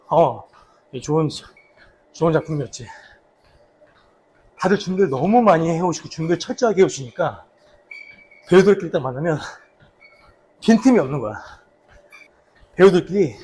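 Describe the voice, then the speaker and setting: Male vlogger, slightly high register, a bit raspy, chatting casually and recalling old work as he jogs along. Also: darkish tone. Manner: talking while slow running. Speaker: actor, vlog host. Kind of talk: casual vlog reminiscing about a past drama role.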